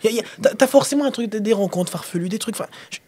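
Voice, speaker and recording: A man hosting a casual interview, talking in a quick joking way and tripping over his words. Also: high voice, a little mellow, a little hiss or hum. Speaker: interviewer host.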